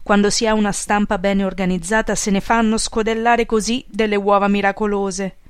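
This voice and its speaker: A woman's voice: medium pitch, little pitch movement, normal speed, clean tone, no room sound, studio quality, natural voice. A woman voicing a brusque, sly village party man who speaks in a blunt, mocking way.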